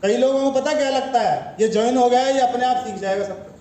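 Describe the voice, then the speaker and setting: A high-pitched man with a mellow tone delivers a motivational training talk. He lectures the room and keeps asking rhetorical questions. His voice echoes in a roomy hall with a faint background hum. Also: fast talker. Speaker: network marketing trainer.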